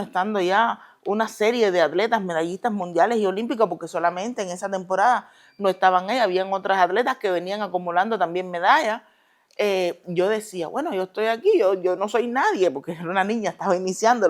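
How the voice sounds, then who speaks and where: Appearing as a guest, this former Olympic judo competitor from Cuba talks with a Cuban Spanish accent in a mid-range voice. Her relaxed interview replies come out measured and hesitant, full of pauses and fillers, until a subject stirs her and she speeds up, stressing her words with conviction.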